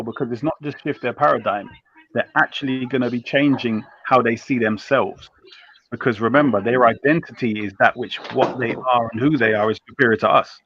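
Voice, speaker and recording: A man's voice: mid-range voice, a bit bright, slight background noise. Assertive man, slightly muffled. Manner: assertive, repeats points. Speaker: panelist. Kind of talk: casual debate, explaining.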